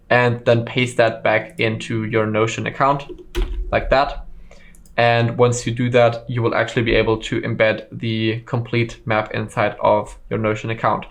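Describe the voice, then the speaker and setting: Speaking at a middle pitch with some vocal fry, a native German speaker teaches a screen-recorded software course. His explanations of each step are relaxed and dotted with ums and uhs.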